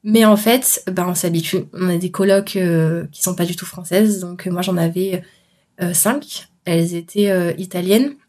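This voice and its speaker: A young woman from France chatting halfway through her story, halting and laughing now and then as she tells it. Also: lowish voice, steady tone, darkish tone. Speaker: interviewee recounting work abroad. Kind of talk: casual spoken testimony.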